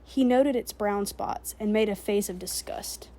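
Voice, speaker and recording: A woman narrating a novel chapter aloud in a steady, measured storytelling voice. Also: mid-range voice.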